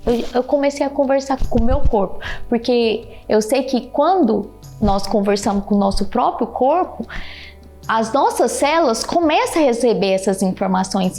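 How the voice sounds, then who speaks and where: High-voiced woman telling a heartfelt story. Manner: animated, repeats phrases, keeps addressing the listener by name; religious, thanks God openly. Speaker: student giving a testimonial. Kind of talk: emotional personal storytelling.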